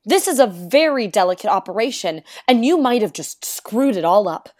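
A woman's voice: medium pitch, expressive, moderate pace, a little mellow, close to an everyday voice. A woman playing a controlling female spy, speaking in a cutting, reproachful way. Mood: angry.

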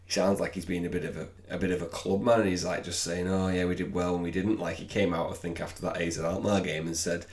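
A man's voice: low voice, level tone, quick pace, few pauses, a little mellow. A man co-hosting a podcast in casual football chat, hesitant, often repeating himself and trailing off. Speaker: podcast co-host.

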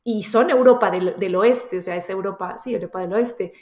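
A woman's voice: medium pitch, normal speed, a little mellow, echoey room. A woman in her thirties from Colombia, with an accent that mixes Colombian and Spain Spanish, answering interview questions in a reflective way and often restarting her sentences. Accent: mixed Colombian and Spanish. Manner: reflective, thinks aloud with frequent restarts. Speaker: interview guest. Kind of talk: conversational interview.

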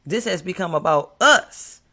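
An American man preaches like a doomsday street preacher, with a forceful, bright voice set a little high. He speaks off the cuff, hammering phrases by repeating them and addressing his listeners directly. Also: animated, measured pace, breathy edge. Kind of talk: impromptu fiery sermon warning of judgment, like a doomsday street preacher.

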